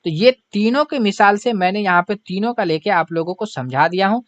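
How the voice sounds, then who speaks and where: A man's voice: high-pitched, fairly quick, no echo, muffled recording. A man with a Bihari Hindi accent teaching an exam-prep language lesson, patiently explaining word pairs and checking in with "है ना?" as he goes. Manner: repeats "है ना?" often, patient explaining.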